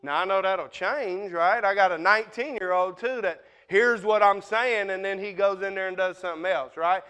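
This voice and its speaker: High, bright-voiced preacher man. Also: steady tone, normal speed, smooth. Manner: folksy, conversational, acts out Bible scenes in dialogue. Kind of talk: sermon.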